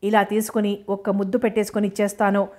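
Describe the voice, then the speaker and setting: A man's voice: high voice, monotone, fast, darkish tone, natural voice. A woman reading the part of a troubled young man who begs like a child, in an audiobook. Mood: pleading.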